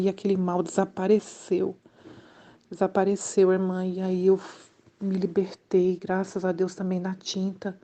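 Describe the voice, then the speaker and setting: A woman's voice: mid-range voice, dark tone. A middle-aged woman with a Brazilian Portuguese accent giving an earnest, emotional religious testimony, repeating herself and addressing the listener as sister. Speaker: church member giving testimony.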